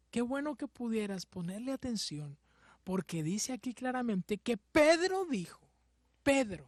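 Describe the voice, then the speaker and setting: A young adult woman preaching a sermon, shifting from soft asides to loud exclamations. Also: mid-range voice, no echo, studio quality. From Colombia.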